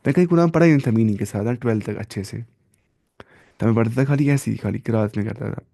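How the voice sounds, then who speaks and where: Gravelly-voiced man teaching Quran reading. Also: medium pitch, warm tone. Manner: slow drawn-out letter-by-letter drilling. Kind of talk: live online tajweed lesson.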